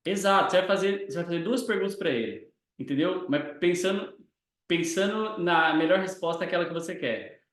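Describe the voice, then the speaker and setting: A man's voice: sits high, fairly quick, a bit bright, reverberant. A man hosting a mentoring session, coaching others energetically by example. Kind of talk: casual mentoring chat.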